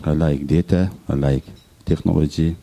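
A man introduces himself to a workshop in short, simple sentences. His voice sits extremely low, and its tone is very dark and heavy. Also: steady tone, moderate pace, vocal fry. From Azerbaijan. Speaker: policy researcher, economist.

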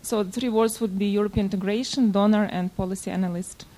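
A woman briskly introducing herself at a workshop. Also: mid-range voice, fairly even intonation, mellow. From Ukraine. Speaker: foundation program head.

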